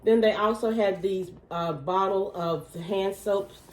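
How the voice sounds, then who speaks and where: A woman chatting casually to her viewers while showing gift totes, her voice a little worn and throaty as she clears her throat. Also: medium pitch, fairly even intonation, slow, darkish tone, reverberant. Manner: chatty, many fillers, says "okay?" to viewers. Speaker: vlogger, small gift business owner. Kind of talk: casual product show-and-tell.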